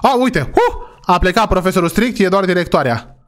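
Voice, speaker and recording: A man playing a father in a role-play game, talking excitably and often saying "God forgive me". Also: sits high.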